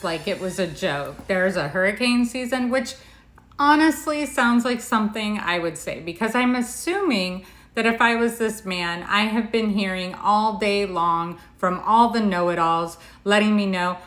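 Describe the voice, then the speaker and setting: Satirical news host for an anchor parody: American woman, mid-pitched voice, wry and conversational, roomy echo. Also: unhurried, fairly bright tone. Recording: echoey, roomy sound.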